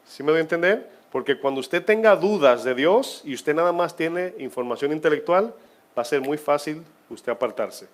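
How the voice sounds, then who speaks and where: A man preaching a sermon as pastor of his church, asking the congregation questions and moving between loud emphasis and quiet, drawn-out phrases. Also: fairly high pitch, lively intonation.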